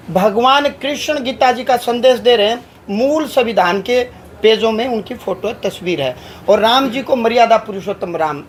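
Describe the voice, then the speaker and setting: A man's voice: sits high, slight background noise, poor audio. A man, a religious leader from Haryana, giving a press statement in a declamatory way, stringing long rhetorical lists. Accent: Haryanvi Hindi.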